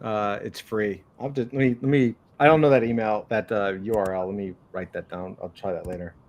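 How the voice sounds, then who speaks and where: A man's voice: on the low side, steady tone, a little fast, a little mellow. A middle-aged man chatting casually on a video call in a loose, sweary way, often trailing off mid-thought.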